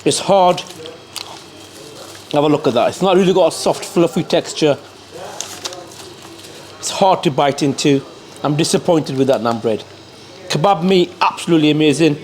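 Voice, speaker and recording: A man with a slightly high voice reviews takeaway food casually on camera. He talks between bites, repeating pet phrases and speaking to his cameraman. There is noticeable noise behind him. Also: darkish tone. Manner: repeats catchphrases and addresses the cameraman. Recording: clear background noise.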